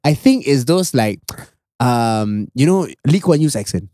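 A man's voice: mid-range voice, animated, measured pace, warm tone, no echo, clean studio sound. A young Singaporean man with a Singaporean English accent, co-hosting a casual, joke-filled podcast chat as a comedian. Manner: playful, jokey, often drops into silly put-on voices.

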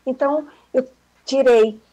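Woman talking softly on a video call, husky and kinda dark voice, thoughtful storytelling. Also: high voice, measured pace, rough recording. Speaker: guest mother. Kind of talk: casual chat.

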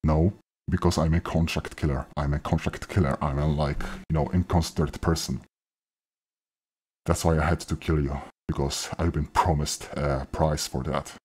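A man's voice: fairly even intonation, moderate pace, darkish tone, husky. A man in a gaming voice chat talking through a clangy robotic voice changer, mockingly taunting a teammate he has betrayed. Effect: deep robotic voice changer. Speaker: gamer teasing a teammate.

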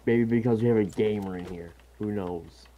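A young man making wry, deadpan remarks while gaming with friends. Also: lowish voice, normal speed, muffled recording. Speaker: friend on stream. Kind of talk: casual gameplay chat.

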